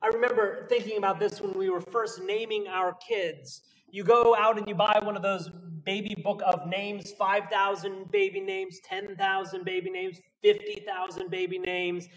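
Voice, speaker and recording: High-voiced earnest preacher man. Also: far from the mic, low-quality recording. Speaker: pastor. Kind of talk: sermon.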